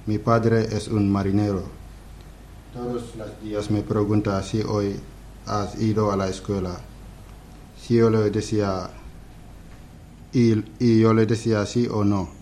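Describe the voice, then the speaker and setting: A man's voice: lowish voice, warm tone, a little hiss or hum. A man from Senegal, a Serer speaker, reading a short personal text in short, careful sentences for a school radio show.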